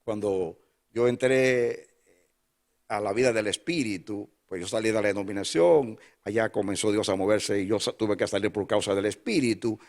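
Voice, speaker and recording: An older man preaching a sermon as a pastor, emphatic and repetitive, dropping now and then into soft asides. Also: fairly low pitch, normal speed.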